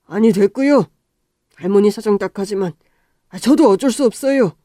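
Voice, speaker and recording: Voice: medium pitch, moderate pace, mellow, no room sound, studio quality, natural voice. A voice actor playing a middle-aged male building owner who speaks curtly and businesslike in a radio drama. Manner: curt, businesslike.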